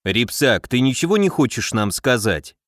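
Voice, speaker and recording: A man's voice: very animated, moderate pace, no echo, studio quality, lightly acted. Man voicing stern, grave warrior hero. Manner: firm, rumbling.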